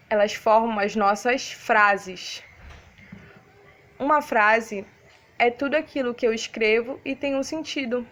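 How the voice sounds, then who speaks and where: A woman's voice: a little high, a bit bright. A woman with a Brazilian Portuguese accent, a primary school teacher giving a recorded lesson to young children, patiently explaining and checking in with her pupils. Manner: patient, didactic, checks in often with "né, crianças?".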